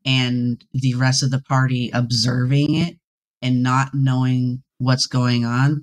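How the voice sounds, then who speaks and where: A young man, a guest in a casual interview, talking with a dry, deadpan sense of humor and laughing often. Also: medium pitch. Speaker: guest player.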